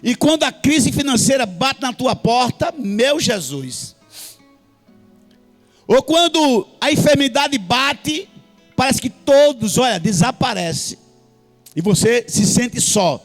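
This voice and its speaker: High-pitched impassioned Brazilian preacher. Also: male voice, unhurried. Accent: Brazilian Portuguese. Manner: impassioned, sing-song preaching with frequent hallelujahs. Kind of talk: sermon. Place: church. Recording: faint music behind.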